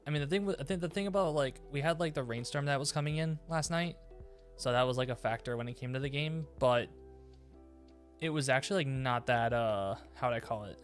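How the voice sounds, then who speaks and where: A man's voice: mid-range voice, brisk, faint music behind. A man chatting casually on a live stream, rambling with many fillers and restarts.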